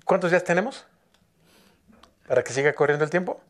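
A man's voice: a little high, fairly quick. A man working as a singing teacher, giving feedback in a vocal coaching session and repeating instructions insistently.

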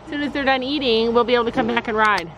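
A woman's voice: on the high side, rapid-fire, muffled recording. A woman vlogging outdoors with her daughter, chatting to viewers and putting on silly voices for the animals. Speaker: vlogger and mother. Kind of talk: casual family vlog. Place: outdoors at a horse campground. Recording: outdoor noise behind.

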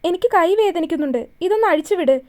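A woman's voice: extremely high pitch, lively intonation, fast, darkish tone. A woman voicing a frightened but defiant young woman held captive, speaking in anger through pain. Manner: defiant, pained.

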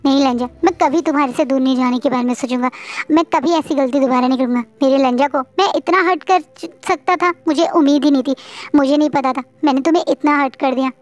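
A woman's voice: sits high, fast, lightly acted. A woman voicing a remorseful young man who pleads tearfully for forgiveness in a storybook reading. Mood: tearful pleading. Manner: tearful pleading, repeated apologies.

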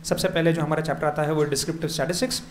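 Lively Indian man teaching a revision class. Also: a little high, slight background noise. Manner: addresses students as children, repeats key words, asks quick questions. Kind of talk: exam revision lecture.

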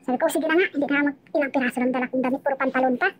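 A woman's voice: sits high, fairly even intonation, racing, highs cut off. A woman casually telling her life story on a live chat, rambling and emotional, often restarting her sentences.

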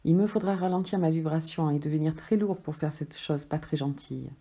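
A woman's voice: sits low, fairly quick, dark tone. A woman voicing a tender friendly soul. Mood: soft. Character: gentle, loving friendly soul, calm and tender.

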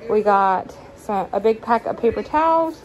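A young woman chatting casually in her kitchen, showing what she bought, with fillers and quick self-corrections. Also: medium pitch, lively intonation, poor audio. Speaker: vlogger. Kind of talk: casual grocery haul narration. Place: home kitchen, indoors.

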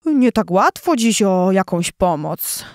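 A woman's voice: mid-range voice, big pitch swings, slow, darkish tone, dry recording. Brief: pompous male lion king, scornful and blustering, read by a woman, dry close sound. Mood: sheepish. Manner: scornful, blustering, later awkward and hesitant.

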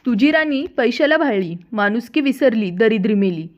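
A woman's voice: a little high, expressive, normal speed, dull audio, natural voice. Bitter old beggar woman, scolding, storybook tale, a woman voicing her. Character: angry old beggar woman, secretly a goddess.

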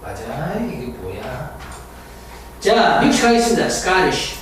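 Rich: A man teaching English vocabulary, his voice high and swinging widely in pitch as he repeats each word for drilling. The recording is very echoey and distant, with a faint hiss. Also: unhurried. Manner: drills words by repeating them, animated teacherly delivery. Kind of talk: recorded vocabulary and pronunciation lesson.

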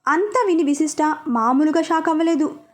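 High-voiced woman reading a story. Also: fairly quick. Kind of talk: reading a serialized romance story.

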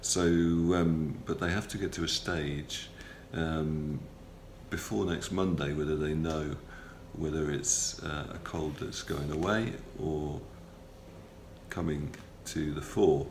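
Stuffy from a cold, a middle-aged man keeps a casual video diary from a small indoor hospital room, speaking in a very deep, gravelly voice with fairly even intonation. His delivery is matter-of-fact and halting, full of ums and uhs. The close front-facing phone or camera picks up a roomy sound and a faint hum.

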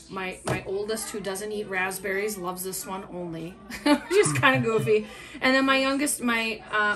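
Here a middle-aged woman with a mid-range, fairly bright voice talks casually and at some length while reviewing a product. She's recorded indoors at a table in a small room of her home, with the camera placed a little way off across the table.

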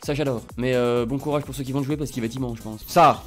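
A young man commenting on a video game, excitable and swearing, jumping from quiet mutters to shouts. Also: mid-range voice, fast, faint music behind. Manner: swears casually, repeats himself. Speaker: gaming streamer.

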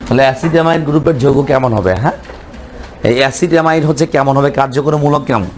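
A man's voice: mid-range voice, racing, slight background noise. A male chemistry teacher giving a lecture, asking the class questions and answering them himself, repeating each name over and over. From Bangladesh.

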